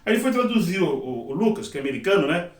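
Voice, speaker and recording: Middle-aged male teacher, lively and chatty, high voice, recorded in a roomy space from a distance. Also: fast. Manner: lively, acts out examples and quotes. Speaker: sign language interpreting teacher. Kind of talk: casual classroom teaching. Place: classroom. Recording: echoey room, mic at a distance.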